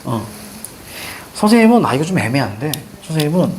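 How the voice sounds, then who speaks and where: A man's voice: on the high side, brisk, slight background noise. A male teacher giving a classroom lecture, telling stories with jokey asides. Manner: animated storytelling, jokey asides.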